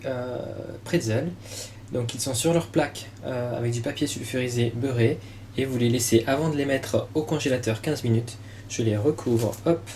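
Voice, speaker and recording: A man with a French accent presents a recipe step by step as a cooking host. His voice sits at an average male pitch, and his delivery is informal and encouraging, dotted with little interjections. Clear kitchen noise runs behind him. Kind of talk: casual step-by-step recipe demonstration. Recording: clearly noisy room ambience behind voice.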